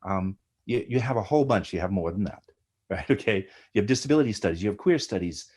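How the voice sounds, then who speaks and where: A middle-aged American man, an academic guest, explains ideas in an animated lecturing way, often tagging his points with "right?". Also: on the low side, fast talker, slightly rough. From United States. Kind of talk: explanatory interview talk.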